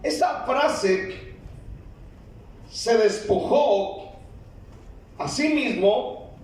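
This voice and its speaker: Male pastor, Guatemalan accent, very high voice, slow and emphatic sermon delivery, booming echoey hall, a little off-mic. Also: expressive, distant mic. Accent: Guatemalan Spanish. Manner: emphatic preaching, rising to shouts, slow deliberate phrasing. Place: large church hall. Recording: echoey hall, preacher off-mic, faint ambience.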